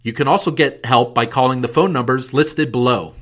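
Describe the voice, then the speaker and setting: A man reads a government document aloud for audio, dictating it formally, voicing punctuation marks and spelling out letters. His voice is medium-pitched, brisk, and a bit bright. It's a scripted read-aloud.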